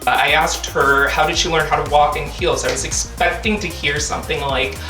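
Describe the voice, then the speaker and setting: Low-voiced woman, distant and echoey. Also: steady tone, a little fast. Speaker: remote correspondent, digital director. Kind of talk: casual red carpet chat. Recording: echoey, distant remote link, music behind. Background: clear music.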